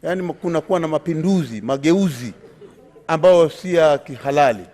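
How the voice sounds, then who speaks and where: Quick, insistent Kenyan man, higher-pitched. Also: expressive, darkish tone. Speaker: senator raising a point of order. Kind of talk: parliamentary interjection.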